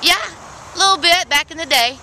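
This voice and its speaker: A woman stopped outdoors for a casual street interview, who answers candidly and quickly and often laughs. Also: very high-pitched, noisy background. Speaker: passerby being interviewed.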